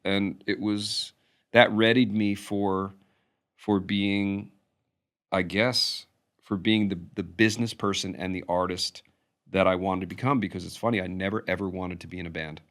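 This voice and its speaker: A middle-aged man, a musician guest, telling stories in a casual interview with lively restarts. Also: sits low, moderate pace. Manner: animated storytelling with restarts.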